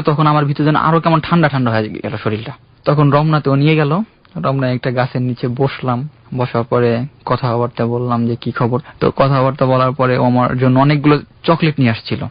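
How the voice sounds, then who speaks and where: A man's voice: mid-range voice, no echo. Young man earnestly telling his story. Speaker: caller. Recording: dull, dry radio studio sound.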